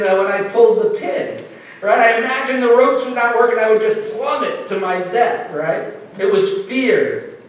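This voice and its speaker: Middle-aged male minister, light high voice, preaching earnestly with pauses; echoey hall, mic at a distance. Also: slight background noise. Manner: earnest, conversational preaching with pauses and slow emphasis. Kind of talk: sermon. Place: church sanctuary.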